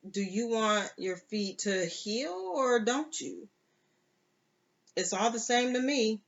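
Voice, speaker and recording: A rough, cynical pirate captain barks out blunt orders, as a storybook reader puts him on. The delivery is slow and unhurried. The recording sounds dull and lo-fi. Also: medium pitch, animated, fairly bright tone, voice pushed up, exaggerated voice. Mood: gruff.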